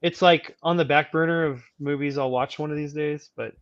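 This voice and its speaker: A man's voice: fairly high pitch, fairly even intonation, moderate pace, dry recording. A man hosting a livestream with casual chat, heard through slightly muffled audio. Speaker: live show host.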